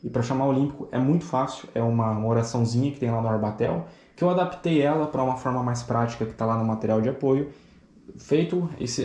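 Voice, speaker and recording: A man giving a spoken lesson, explaining calmly and patiently step by step. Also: medium pitch, reverberant. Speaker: teacher of ceremonial magic.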